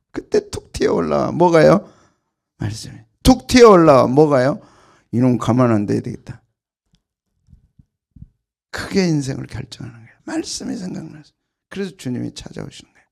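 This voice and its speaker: A man preaching an early-morning prayer sermon as senior pastor, emphatic and repetitive, with sudden loud bursts and soft drops. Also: fairly high pitch, creaky.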